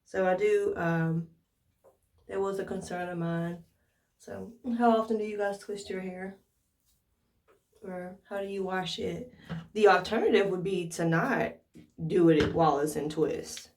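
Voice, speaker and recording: This American hair care vlogger has a fairly low, slightly mellow voice with fairly even intonation, speaking at a measured pace with long pauses. She talks casually to viewers, thinking aloud as she demonstrates in an informal tutorial. The mic is distant, leaving a roomy echo.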